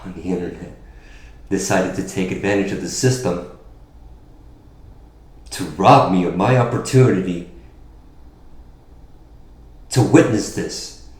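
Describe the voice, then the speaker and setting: A man delivering an intense, profane wrestling promo as a wrestler, confrontational and swinging between low menace and shouted outbursts. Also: fairly even intonation, unhurried, pauses often. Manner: profane, confrontational trash talk. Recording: echoey, roomy voice recording.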